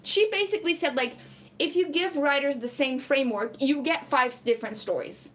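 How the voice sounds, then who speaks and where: A woman's voice: sits high, fairly quick. A young Portuguese woman, English not her first language, chatting casually on a stream, reading comments and laughing often. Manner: chatty, laughs a lot, lots of "like" fillers. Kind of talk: casual live chat.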